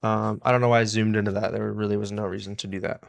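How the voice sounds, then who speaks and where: A man's voice: on the low side, little pitch movement, fast talker, vocal fry. Chatty man hosting a live repair stream. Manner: chatty, laughs often, greets and thanks viewers. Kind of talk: casual live-stream chat while soldering.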